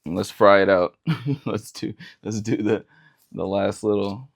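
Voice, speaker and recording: A man talking casually while working on vocals in a home studio, relaxed and self-deprecating. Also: on the low side, unhurried, gravelly. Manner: relaxed, self-deprecating, laughs at own attempts. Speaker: indie musician recording vocals. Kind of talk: casual vlog talk.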